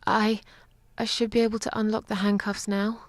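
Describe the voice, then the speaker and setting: A woman's voice: medium pitch, level tone, normal speed, slight background noise, lightly acted. A woman voicing a wary horror-game heroine. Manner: tense and wary, breaks into panic. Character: weary, guarded woman protagonist in a horror game. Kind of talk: video game voice acting.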